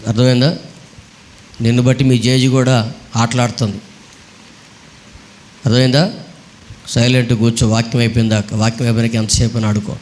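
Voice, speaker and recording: A man's voice: mid-range voice, level tone, brisk, long pauses, a little hiss or hum. Pastor scolding his congregation to answer aloud. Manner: prods the congregation to answer loudly; scolds children to sit quietly. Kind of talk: sermon.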